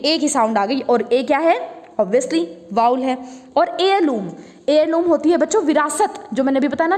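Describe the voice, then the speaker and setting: A woman with an Indian accent teaching English grammar to children, explaining each rule slowly and repeating words so they can be practised. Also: high-pitched, a little mellow, big-room sound. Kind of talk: classroom lesson.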